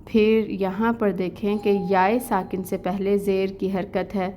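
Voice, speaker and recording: A woman's voice: medium pitch, little pitch movement, warm tone, a little hiss or hum. A woman with a Pakistani Urdu accent teaching an online tajweed lesson, explaining rules step by step in plain speech. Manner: slow melodic recitation of verses, then plain explaining.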